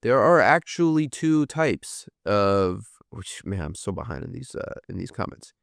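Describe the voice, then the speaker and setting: Gravelly and on the low side, this American man in his thirties hosts a podcast livestream, casually rambling and swearing offhand while reading viewer comments. He has a sing-song delivery at a measured pace. The recording is dry and clean, studio quality.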